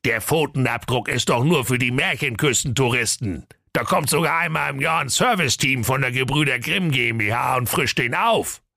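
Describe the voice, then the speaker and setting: A man voicing a sly, defensive big bad wolf in a gravelly, dismissive way. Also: mid-range voice, moderate pace, hardly any pauses, bright, forceful tone, no echo, studio quality, pitched above the performer's own voice. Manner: gravelly, dismissive, casual colloquial.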